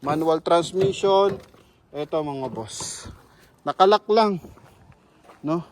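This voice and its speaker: Chatty Filipino car salesman, higher voice. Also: takes it slowly, noisy background. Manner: chatty, addresses viewers as "mga boss". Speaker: used car sales presenter. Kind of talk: casual walkaround sales pitch.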